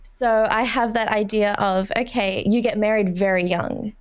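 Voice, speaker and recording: A woman in her twenties hosts a podcast from a small studio, wearing headphones and speaking into a boom-mounted microphone. Her talk is open and conversational as she shares her own experience. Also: fairly even intonation, normal speed, clean tone. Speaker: podcast host. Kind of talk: casual interview chat. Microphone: studio mic on boom arm with headphones.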